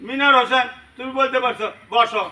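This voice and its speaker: A man teaching English in a large classroom, loudly leading call-and-response drills. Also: very high voice, a little fast. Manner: loud, energetic, often shouting prompts to a class. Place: large classroom full of students. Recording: echoey classroom, distant mic, loud student chorus and noise.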